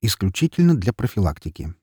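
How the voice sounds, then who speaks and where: A man reading a first-person audiobook with an ironic, lively delivery. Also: fairly low pitch, fast, husky, dry recording, studio quality. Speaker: audiobook narrator. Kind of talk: scripted narration.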